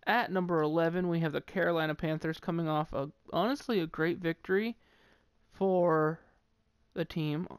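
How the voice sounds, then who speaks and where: A man with a New England accent talks through his football picks in a loose, opinionated ramble and often stumbles and restarts mid-sentence. His voice sits a bit high and sounds smooth and clear. It is recorded close and dry, with no room sound. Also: fairly even intonation, moderate pace, no echo. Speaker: sports commentator ranking football teams. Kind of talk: casual solo sports commentary.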